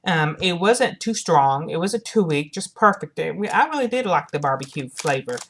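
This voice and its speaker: A woman with a low-pitched voice talks through a casual product review for her viewers. Her delivery is halting, as she repeats and rewords phrases while she goes. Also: lively intonation, husky.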